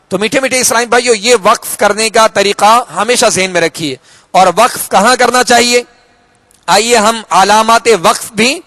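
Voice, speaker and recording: A high-pitched male teacher with a Pakistani Urdu accent explains reading rules patiently, repeating himself and stretching out example words. The recording is close and dry, with no room sound. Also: fairly bright tone, no echo. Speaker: Quran recitation teacher. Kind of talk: slow explanatory lesson.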